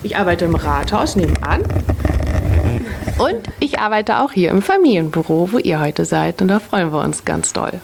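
A woman's voice: fairly low pitch, lively intonation, normal speed, gravelly, background noise. Woman in her thirties, patient with children. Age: 30s. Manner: patient, child-directed, repeats children's questions back. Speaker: family office employee interviewed by children. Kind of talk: explaining simply to children.

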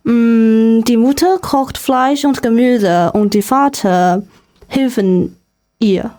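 A woman's voice: a little high, takes it slowly, warm tone. Young woman guest, Chinese accent, careful German, restarts on hard words. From Shanghai, China.

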